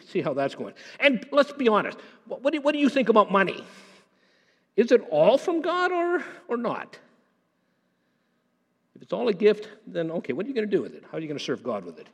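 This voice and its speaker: Animated preaching man in a reverberant hall. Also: sits high, husky. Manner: animated preaching, drops to hushed intensity, repeats words. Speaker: pastor. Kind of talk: sermon.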